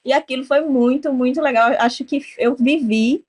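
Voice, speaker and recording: A woman from southern Brazil, speaking with a southern Brazilian Portuguese accent, hosts a casual podcast interview and tells lively stories, acting out the quoted dialogue. Her voice sits high and she talks at a normal speed.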